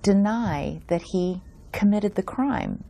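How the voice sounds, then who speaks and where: A woman's voice: mid-range voice, lively intonation, slow pace, vocal fry, mellow, slight background noise. A woman working as an interviewer, putting probing questions and remarks to her guest. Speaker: interviewer, reporter.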